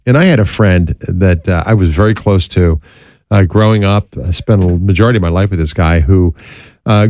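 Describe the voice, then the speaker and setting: A male talk show host with a low, mellow voice speaks earnestly during a monologue and interview in a close, dry studio. He talks casually with some fillers, then builds to preacher-like emphasis on his key points. The recording is dry.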